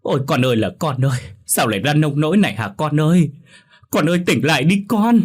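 A man voicing a grieving middle-aged village mother who wails loudly over her dead son. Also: expressive, a little fast, breathy edge. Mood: wailing grief. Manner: wailing, high and loud.

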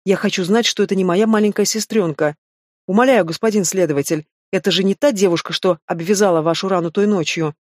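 A reader doing a sly young thief. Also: female voice, mid-range voice, quick pace, no echo, lightly acted. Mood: pleading. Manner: teasing and coy, then pleading. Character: sly young female thief, playful and defiant.

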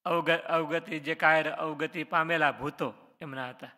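A man's voice: fairly high pitch, fairly even intonation, unhurried, pushed and bright, big-room sound. A man, a religious teacher reading out quiz questions on scripture stories and answering each one, with short explanations. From Gujarat, India.

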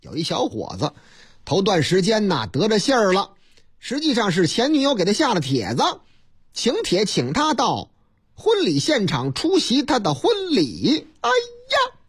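A radio host with a Beijing accent spins news items into comic tales. The voice swings widely in pitch and has a slightly husky edge, and the delivery is theatrical and folksy. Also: normal speed. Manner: lively, theatrical, folksy banter.

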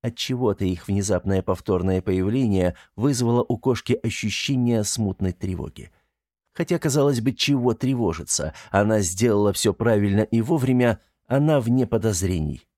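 Audiobook narrator: man, low voice, measured delivery, dry booth recording. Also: a little mellow, no echo. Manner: measured, storytelling.

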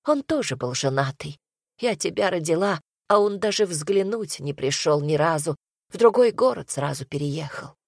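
Casting: anxious lamenting mother in an audiobook, read by a woman, lowish dry voice. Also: expressive, moderate pace, gravelly, no echo, exaggerated voice. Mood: fretful. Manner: fretful, lamenting, hushed. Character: worried fretful mother, soft and lamenting.

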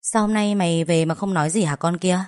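A woman voicing a loud, teasing young female friend in a read-aloud story. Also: fairly low pitch, a little fast, natural voice. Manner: loud, chatty.

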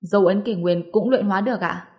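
Woman reading as a calm, cocky young cultivator. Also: sits high, a little fast. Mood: cold. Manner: cool, mocking.

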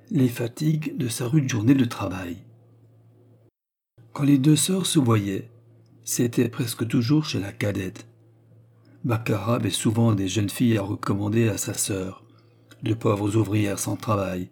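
Husky dark-voiced male audiobook narrator. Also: fairly low pitch. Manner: measured, even reading. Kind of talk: scripted literary narration.

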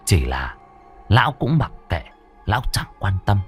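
A man's voice: fairly low pitch, sing-song, a little slow, faint music behind. A man narrating a ghost story with a dramatic, ominous delivery.

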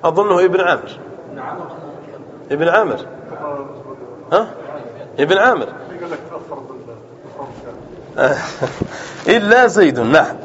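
During a grammar class, a man asks his students questions, answers them, and repeats the key terms. His voice sits high, is expressive and a bit bright, and he speaks a little slowly with long pauses, in a dull, lo-fi recording with faint room noise.

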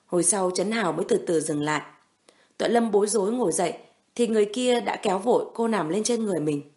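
A woman narrating a romance audiobook in a steady, expressive storytelling voice. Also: medium pitch, fast.

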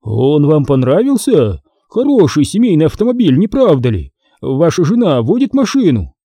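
A man's voice: on the high side, wildly swooping pitch, normal speed, warm tone, slightly rough, no room sound, voice pushed up, heavily acted. A man reading aloud, voicing a nervous, sweaty older man who halts as he tries to sell his car. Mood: pleading.

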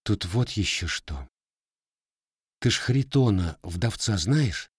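A man's voice: fairly low pitch, animated, slow pace, slightly rough, dry recording, studio quality, exaggerated voice. A man voicing a sly, teasing young Cossack widow in a storybook reading, raising his voice for her. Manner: slightly raised, teasing folk speech.

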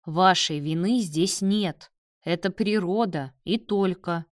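A man's voice: sits high, slow, no echo, clean studio sound. A woman voicing a blunt, sardonic young male doctor who speaks in curt, cutting lines. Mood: firm.

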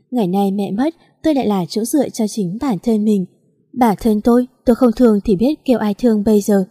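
Husky-voiced woman narrating a novel. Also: medium pitch, dark tone. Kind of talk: first-person audiobook narration of a novel.

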